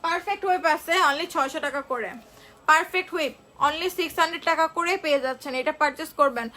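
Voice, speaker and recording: High bright-voiced unwell Bangladeshi saleswoman. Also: a little hiss or hum. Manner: slow, chatty, repeats prices and answers viewers. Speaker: online shop seller. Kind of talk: live-stream sales pitch.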